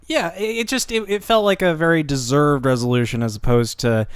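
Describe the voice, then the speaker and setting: A man's voice: on the high side, brisk, smooth, dry recording. A man co-hosting a casual anime discussion podcast, enthusiastic and swearing freely. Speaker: podcast co-host.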